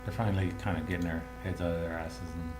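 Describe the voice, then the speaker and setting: A man co-hosting a livestream, chiming in with jokes and quick quips in casual banter. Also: deep voice, fairly even intonation, music in the background. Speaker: co-host.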